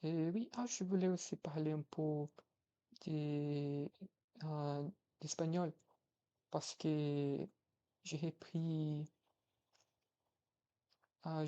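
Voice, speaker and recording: Practicing foreign languages in a casual vlog, a 21-year-old Brazilian man with a Brazilian Portuguese accent speaks hesitantly, restarting often and using many fillers. His fairly high voice has a warm tone, and the recording has its highs cut off.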